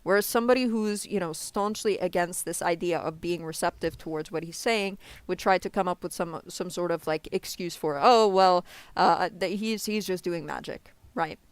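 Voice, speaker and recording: A man's voice: high voice, moderate pace, hardly any pauses, clear, resonant tone, no echo. A man in a street debate about faith, patiently explaining and often checking "you understand?". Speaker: religious debater.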